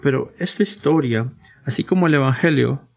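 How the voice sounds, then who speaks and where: A man's voice: mid-range voice, moderate pace, vocal fry, darkish tone. A man preaching a sermon to his church, earnest and emphatic, with frequent restarts and repeated rhetorical questions. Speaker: pastor.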